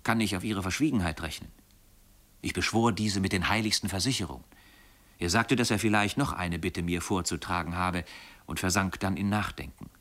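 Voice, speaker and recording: A man narrating classic literature as an audiobook, in a steady, expressive storytelling manner. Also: low voice, fairly quick.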